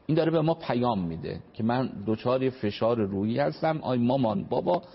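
Gravelly, husky man counseling on radio. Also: mid-range voice, animated. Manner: earnest, explanatory, uses examples and polite formal phrases. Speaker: family counselor guest. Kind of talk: radio talk, advising on parenting. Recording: dull lo-fi radio broadcast.

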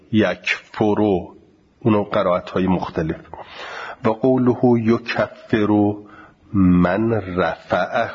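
A man lectures on grammar in a slightly husky, lowish voice. He reads passages slowly, then switches to quick, casual explanation. The recording sounds dull and lo-fi. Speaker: teacher. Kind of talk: classroom lecture on Arabic grammar and Quran recitation.

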